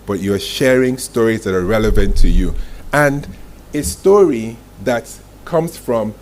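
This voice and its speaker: Expressive and unhurried, with a fairly low, darkish voice, a communications executive delivers a motivational masterclass to people in the room. He stresses his stories through short dramatic phrases and rhetorical questions, and the recording of the live room is obviously noisy.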